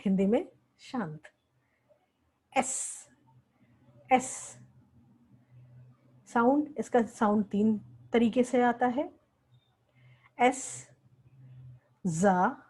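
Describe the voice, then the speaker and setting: A woman's voice: on the high side, slow, long pauses, warm tone, breathy edge, poor audio. A woman teaching a language lesson, patiently repeating each word several times. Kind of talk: slow spoken lesson with repeated words.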